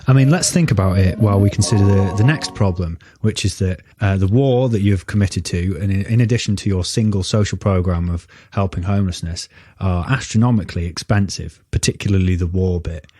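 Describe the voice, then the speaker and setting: A man's voice: sits low, fairly quick, hardly any pauses, mellow, dry recording, clean studio sound. A man, co-hosting a comedy podcast and springing news on his partner with wry asides. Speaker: podcast co-host running the scenario. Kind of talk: improvised comedy podcast chat.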